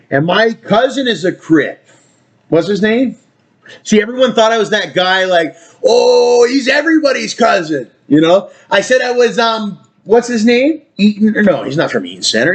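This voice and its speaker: A man's voice: high voice, creaky. A man talking in a rambling casual monologue, trailing off and restarting, swearing casually. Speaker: vlogger.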